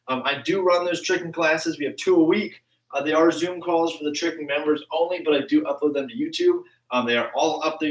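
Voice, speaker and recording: A young man teaching a martial arts class over a live stream from his home basement, talking casually with lots of ums. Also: fairly high pitch. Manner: casual, chatty, many ums. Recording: echoey room, far from the mic.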